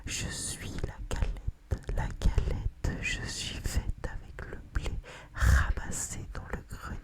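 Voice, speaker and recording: A narrator voicing a cheeky runaway galette with a taunting little song, in whispered role-play. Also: lightly acted.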